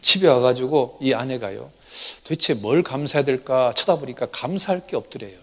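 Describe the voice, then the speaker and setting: A man's voice: medium pitch, normal speed, long reverb tail. A male pastor preaching emphatically, asking rhetorical questions and dropping at times to a near whisper. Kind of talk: sermon.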